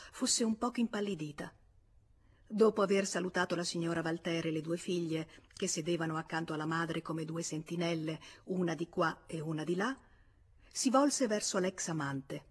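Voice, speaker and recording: A woman reading a classic novel aloud in measured scripted narration. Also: lowish voice, slightly rough. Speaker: audiobook reader.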